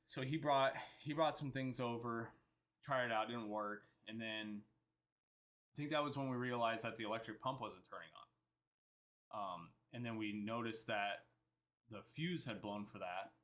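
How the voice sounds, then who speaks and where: A man with a bright, forceful voice tells a story in a loose, rambling way. He talks casually and keeps quoting what he and others said along the way. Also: on the low side. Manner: rambling, chatty, quotes himself and others. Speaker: vlogger.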